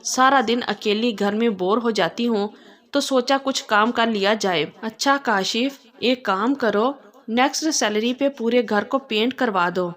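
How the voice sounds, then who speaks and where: Sweet teasing young wife from a storybook reading, a woman voices her, a little high-pitched. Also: unhurried, a bit bright. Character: cheeky loving young wife.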